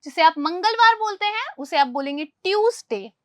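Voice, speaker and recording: Teaching English pronunciation in Hindi, a woman quizzes her listeners and repeats each word back to them. Her voice is extremely high and animated at a normal pace, recorded dry with studio quality.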